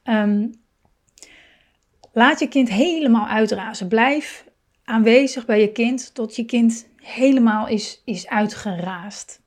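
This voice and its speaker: A woman with a slightly high voice gives calm parenting advice. She talks gently and thinks aloud, with frequent fillers and restarts and an occasional soft laugh. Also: slow. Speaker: parenting coach.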